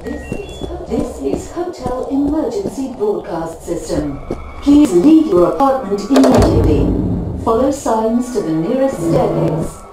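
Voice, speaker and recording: Calm hotel emergency announcer over a loudspeaker. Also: female voice, a little high, measured pace, pauses often. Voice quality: steady, formal and instructive. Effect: public address loudspeaker broadcast. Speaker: emergency broadcast system voice. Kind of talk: scripted game announcement. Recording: echoey distant loudspeaker with music behind.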